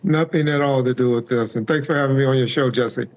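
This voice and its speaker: A man answering questions as a guest on a news interview, pausing with fillers. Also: mid-range voice, rough recording.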